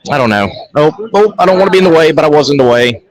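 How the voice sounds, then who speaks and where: At a crowded shop fan fest, a male show host covers the event live on-site, chatty and upbeat and often repeating his phrases. His voice sits on the high side, animated and quick, though the recording quality is low.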